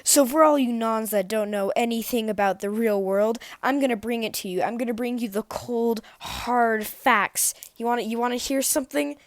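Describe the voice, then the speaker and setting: A woman's voice: a little high, normal speed, few pauses, no echo, clean studio sound. A woman vlogger rambling through a goofy, sarcastic, mock-defiant comedy story.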